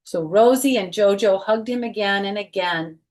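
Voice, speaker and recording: Here a middle-aged woman, a children's storytime reader, speaks at medium pitch and a moderate pace with a slightly mellow quality. She reads a picture book expressively, adding chatty asides, from a small furnished room in her home.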